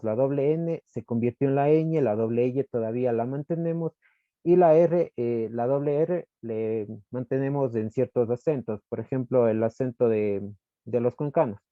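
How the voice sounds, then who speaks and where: A man giving a class presentation from slides, explaining step by step and often pausing to search for words. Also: mid-range voice, no echo. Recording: dull lo-fi dry recording.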